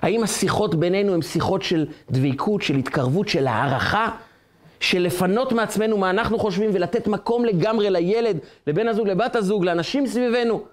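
A rabbi with a fairly high male voice gives a Torah lesson. He tells his stories with animation and keeps posing rhetorical questions to his listeners.

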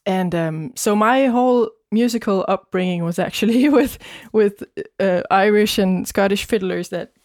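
A woman from Denmark, a guest musician in an interview, speaking thoughtfully with frequent pauses and fillers. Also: medium pitch, a little mellow, no echo, studio quality. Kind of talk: casual interview chat.

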